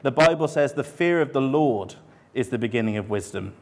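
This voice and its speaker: A man preaching a sermon in a conversational way, asking the listeners questions and slowing down to stress his points. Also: medium pitch, expressive, darkish tone. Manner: conversational, with rhetorical questions and slowed emphasis.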